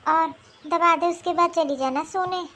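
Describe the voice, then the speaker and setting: A woman's voice: very high voice, measured pace, pushed and bright, full character voice. Woman voicing a bossy old mother-in-law. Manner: scolding, nagging. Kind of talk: animated cartoon voice acting.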